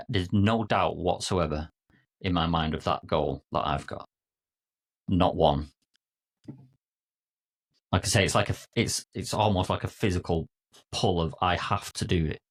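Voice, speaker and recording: A man co-hosting a coaching podcast, talking with enthusiasm and an easy, jokey manner. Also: low-pitched. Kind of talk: casual podcast conversation.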